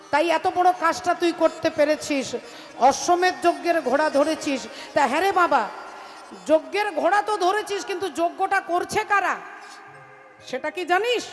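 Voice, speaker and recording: A woman's voice: very high-pitched, animated, unhurried, pauses often. A woman storyteller voicing a grief-stricken queen mother who begs her son, in a tearful, repetitive way. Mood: fond. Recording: reverberant hall with music behind.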